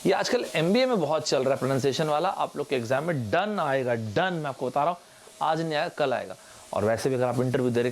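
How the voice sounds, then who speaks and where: A man's voice: medium pitch, slight background noise. A young man from India teaching vocabulary in a live online exam-prep lesson, chatty and informal, spelling words out letter by letter and asking viewers to answer in the comments.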